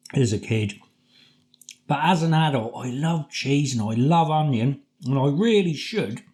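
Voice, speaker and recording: A man's voice: medium pitch, darkish tone. A middle-aged man with a British accent giving a casual, informal food review to camera in a home kitchen. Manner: informal, chatty, colloquial. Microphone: camera across the table.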